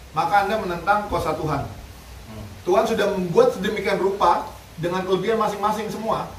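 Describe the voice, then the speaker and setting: A man chatting casually, giving blunt, joking advice on dog training and care. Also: high voice. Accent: Indonesian. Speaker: dog rescue activist. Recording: roomy, distant mic, faint noise.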